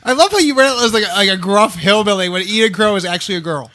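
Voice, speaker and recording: A man's voice: high voice, quick pace, bright, forceful tone. A man hosting a podcast in casual chat, joking as he reads listener answers and steers the talk. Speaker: podcast host.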